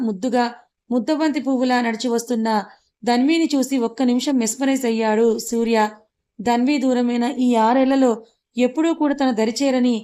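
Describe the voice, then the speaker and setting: A woman narrating a romance audiobook in a brisk, expressive storytelling manner. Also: on the high side.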